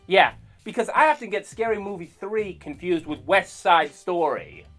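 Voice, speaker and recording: A man hosting a comedy commentary show, mocking and sarcastic, with quick animated asides. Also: high-pitched, faint music behind.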